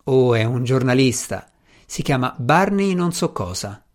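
A man's voice: mid-range voice, sing-song, a little slow. A polite young woman tending bar, answering in short, businesslike phrases, as a male narrator lifts his voice a little for her. Her manner is courteous but detached, in an audiobook reading. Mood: polite brisk. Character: young adult woman bartender, brisk and polite.

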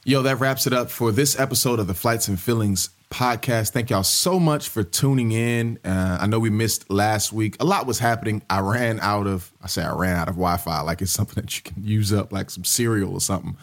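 A man's voice: fairly low pitch, fairly quick, few pauses. A man hosting a podcast, chatting casually and informally to his listeners. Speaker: podcast host. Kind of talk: casual podcast outro chat.

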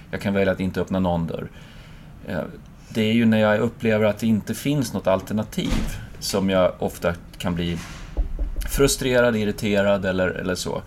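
Man, low voice, reflective lecturer type mid-conversation, faint hiss behind. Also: darkish tone. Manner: thoughtful, searching, acts out his own inner voice. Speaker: speaker and lecturer.

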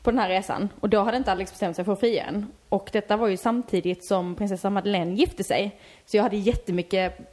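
A woman telling a story in casual chat, emotional and quick to laugh. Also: medium pitch, steady tone, a little mellow.

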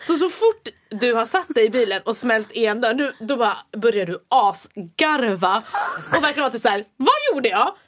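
A woman with a high voice that swings widely in pitch chimes in on a casual podcast. She laughs and acts out what others said as she backs up the story. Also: expressive. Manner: chiming in, laughing, acting out quotes. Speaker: podcast co-host. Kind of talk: casual chat.

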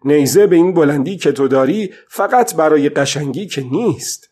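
A husky, worn-out old fisherman, read by a man, muttering to himself in a tired voice and then hardening into stubborn defiance. He lifts his pitch a little for this storybook figure, who stays alone and determined out at sea. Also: lively intonation, a little mellow. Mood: lamenting. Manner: talks to himself, swinging from weary murmur to defiant outburst. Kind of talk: audiobook reading.

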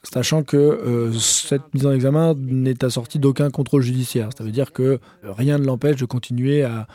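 A man's voice: mid-range voice, fairly even intonation, normal speed, warm tone. Hesitant man explaining the news. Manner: conversational, frequent hesitations. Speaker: journalist. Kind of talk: explanatory commentary.

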